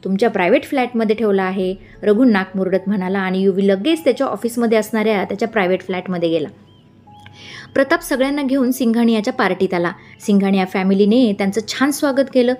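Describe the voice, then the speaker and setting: A woman reads a romance story aloud in a calm, steady voice, with a medium pitch that sits in the middle of the range. Faint music plays softly behind her. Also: quick pace. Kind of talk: scripted story narration. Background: faint background music.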